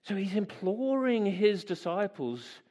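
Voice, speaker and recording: High-voiced man preaching a conversational sermon. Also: sing-song, slow, a little mellow, long reverb tail. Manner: conversational, musing, asks the listeners questions. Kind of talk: sermon with scripture reading.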